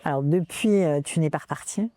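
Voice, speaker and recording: Low-voiced female interviewer. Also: fairly quick, no room sound. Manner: gentle, prompting questions. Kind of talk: conversational interview.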